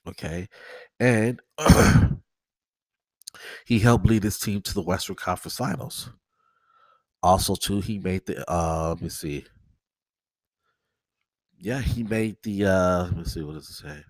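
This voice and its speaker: Stuffed up and nasal with a cold, this podcast host talks directly to his audience on his own, wandering off topic and going over the same points again. His voice is low-pitched and slow with frequent pauses, and the recording is dry.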